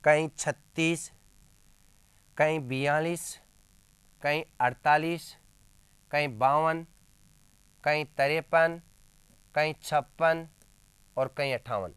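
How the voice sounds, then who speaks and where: A man's voice: a little high, steady tone, slow, long pauses, a bit bright, smooth, no room sound. A male teacher giving a classroom lecture, asking questions and answering them himself, repeating key terms with emphasis. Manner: addresses listeners as friends, emphatic.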